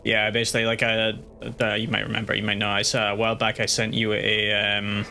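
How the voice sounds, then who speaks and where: A man's voice: fairly low pitch, monotone, brisk, gravelly, pushed and bright, a little hiss or hum. A man streaming a game live, chatting casually and rambling with lots of restarts. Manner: rambling, full of fillers and restarts. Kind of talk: casual gaming livestream chat.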